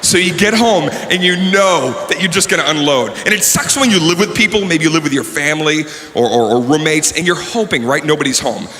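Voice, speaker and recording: Stand-up comic, man, high lively voice, punchy delivery, roomy stage sound with a faint hum. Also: a little fast, few pauses. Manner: animated, shouting punchlines. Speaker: stand-up comedian. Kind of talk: stand-up routine.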